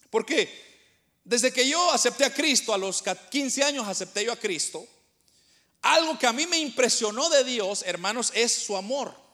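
A man preaching a sermon as pastor, calling his listeners brothers, emphatic with quick asides. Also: very high voice, pushed and bright.

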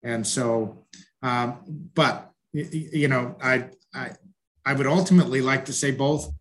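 A man's voice: medium pitch, measured pace, fairly bright tone. A man from the Chicago suburbs, a coach guest in a casual interview, hesitant and friendly, with many restarts. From Chicago northwest suburbs. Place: at home, video call.

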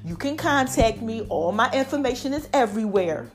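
A woman's voice: a little high, animated, normal speed, faint music behind. An American woman in her forties talking casually and emphatically to her online audience like a motivational host, repeating catchphrases and checking in often, her voice slightly affected by allergies. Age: 40s. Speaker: online motivational host selling her own fitness line. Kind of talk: casual direct-to-audience monologue.

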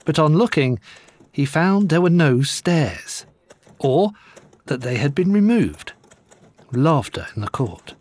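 A man reading old newspaper court reports aloud in a measured, lively way with dry wit. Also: on the high side. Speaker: narrator.

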